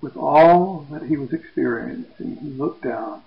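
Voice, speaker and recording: A man preaching, retelling a scripture story slowly and dramatically. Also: a little high, creaky. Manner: slow, dramatic retelling, lively quoted voices. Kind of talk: sermon narration of scripture. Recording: echoey, dull sound.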